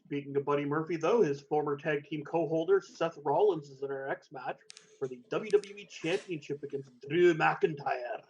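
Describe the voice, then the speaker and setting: A man's voice: on the high side, normal speed, a little hiss or hum. A man co-hosting a podcast in casual chat who laughs often, swears freely and announces the next match. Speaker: podcast co-host. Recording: dull lo-fi recording.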